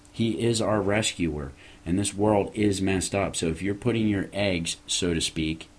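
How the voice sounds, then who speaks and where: A man with a low, slightly mellow voice hosts a show, delivering an earnest evangelistic sermon. He exhorts listeners to turn to God, his voice rising on key phrases.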